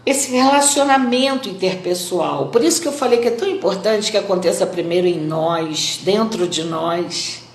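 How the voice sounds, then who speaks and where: A woman from Brazil, a speaker, giving a live talk in an expressive, didactic manner. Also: fairly low pitch, normal speed, few pauses, slight background noise. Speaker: psychologist and speaker. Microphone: phone. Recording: roomy echo.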